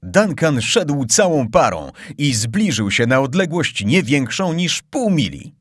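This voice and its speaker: A male narrator reads an adventure novel aloud with dramatic, suspenseful expression, and his pitch moves freely up and down. His voice sits at an everyday middle height. The recording is close and completely dry. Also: very animated, a little slow, fairly bright tone, husky, no room sound. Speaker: audiobook narrator.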